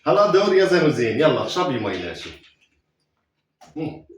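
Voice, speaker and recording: Playful dad in an echoey room. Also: male voice, a little high, very animated, fairly quick, recorded from a distance. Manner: playful, teasing, laughs often. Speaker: father hosting a family reaction game. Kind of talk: casual family chat during a no-laughing challenge. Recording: very echoey room, voice off-mic, faint noise.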